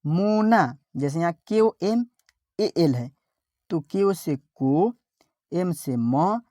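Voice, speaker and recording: A woman teacher, giving an online spelling lesson, sounding out letters slowly and repeating each word. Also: on the low side, lively intonation, warm tone, no room sound, studio quality.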